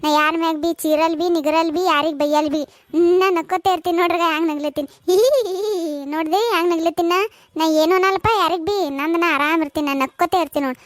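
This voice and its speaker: A woman with a North Karnataka Kannada accent voicing a fiery young village housewife in a comic cartoon, talking in shrill, squabbling village chatter. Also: fairly even intonation, very fast, dry recording. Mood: pleading.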